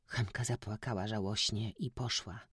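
A man reading a classic novel aloud as an audiobook narrator, in a steady, measured storytelling manner. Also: lowish voice, slightly rough, no echo, studio quality.

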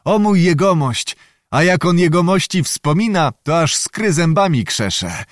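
Narrator doing a sly young servant, fawning and cheeky, dry recording. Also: male voice, a little high, big pitch swings, unhurried, no echo, pitched above the performer's own voice.

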